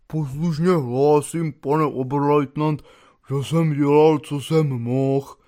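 A man voicing a clumsy, hungry soldier who gives a halting, stammering report. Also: fairly high pitch, steady tone, warm tone, natural voice. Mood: earnest, flustered. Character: clumsy, hungry male soldier, an officer's servant.

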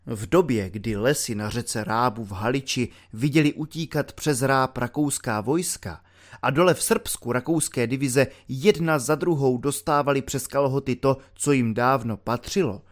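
A man narrating an audiobook in a measured storytelling way, slowing down for the dramatic lines. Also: medium pitch. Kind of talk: audiobook reading.

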